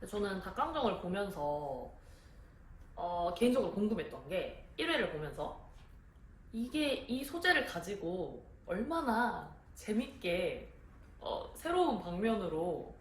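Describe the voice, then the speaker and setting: A woman giving a casual spoken review of a series, laughing often and acting out the characters' lines. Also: medium pitch. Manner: animated, laughs often, acts out quoted lines. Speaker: film reviewer. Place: room in a venue. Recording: roomy echo with faint ambience.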